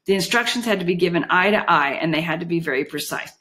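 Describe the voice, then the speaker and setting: A woman reading a fantasy novel aloud, steady and measured, her voice sitting a touch low. She moves through the story with even pacing and the odd slip. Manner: steady, measured, occasional slips. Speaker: audiobook narrator. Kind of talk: storybook narration.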